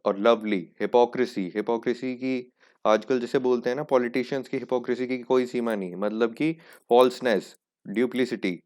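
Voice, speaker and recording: A man teaching an exam prep lesson in casual Hindi-English, explaining patiently and reading English examples slowly. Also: medium pitch, steady tone, darkish tone. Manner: explains patiently, repeats "ठीक है" often.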